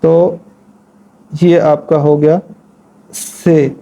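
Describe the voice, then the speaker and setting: A man teaching how to write letters in a patient, step-by-step lesson. His voice sits fairly high for a man and has a dark, mellow tone. He spells each word out slowly and repeats it while he demonstrates the strokes. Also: level tone, gravelly. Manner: talks while demonstrating at a board. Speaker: Urdu writing teacher. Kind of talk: instructional lesson.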